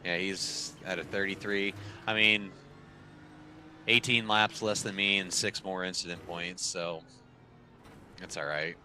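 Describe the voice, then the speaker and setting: A man's voice: deep voice, fairly even intonation, a little slow, pauses often, bright, forceful tone, soft background music. A man in his thirties streaming sim racing from home, rambling casually to viewers with dry sarcasm and lots of fillers.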